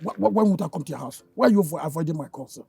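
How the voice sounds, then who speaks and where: A man's voice: fairly high pitch, lively intonation, very fast, vocal fry, mellow, soft background music. An actor playing a married man with a Nigerian accent who stammers as he accuses a young woman of taking his money. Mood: accusing.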